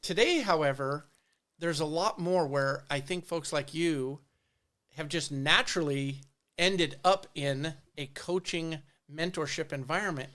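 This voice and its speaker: A man's voice: on the high side, measured pace, fairly bright tone. A man hosting a podcast interview, friendly and affirming, laughing along with his guest. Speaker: podcast host. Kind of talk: casual interview chat.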